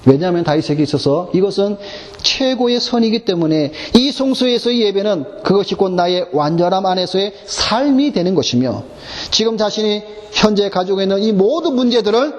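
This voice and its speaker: A man's voice: high-pitched, sing-song, moderate pace, big-room sound. A man preaching a sermon as pastor, asking the congregation rhetorical questions. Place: church.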